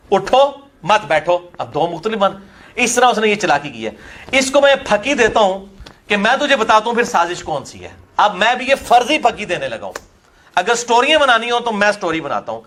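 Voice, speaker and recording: Punjabi-accented male preacher, high-pitched, combative and mocking, fires questions at his listener. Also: very animated, a bit bright. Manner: combative, mocking, drifts between Urdu and Punjabi. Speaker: religious speaker. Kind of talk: polemical religious lecture.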